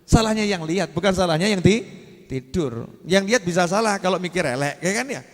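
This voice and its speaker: A man's voice: high-pitched, lively intonation, fairly quick, in a large hall. A man with a Javanese-tinged Indonesian accent preaching a humorous sermon, teasing his listeners and slipping into Javanese phrases. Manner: playful, teasing the audience, drops into Javanese phrases.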